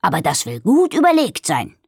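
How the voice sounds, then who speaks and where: A woman voicing a calm, grumbling male carpenter in a storybook reading. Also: lowish voice, creaky, breathy edge, dry recording, studio quality, exaggerated voice. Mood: thoughtful. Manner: grumbling, measured.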